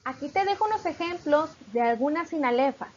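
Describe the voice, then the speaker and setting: A woman's voice: high-pitched, animated, a little fast, a little mellow, muffled recording. A woman teaching poetry metrics, patiently explaining and stretching out syllables as she reads examples.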